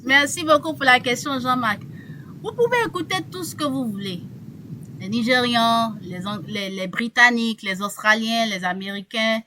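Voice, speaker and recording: A woman coaching a group on a video call, lively and encouraging, often repeating words as she thinks. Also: fairly high pitch, normal speed, slight background noise. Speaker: English coach. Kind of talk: online group coaching session.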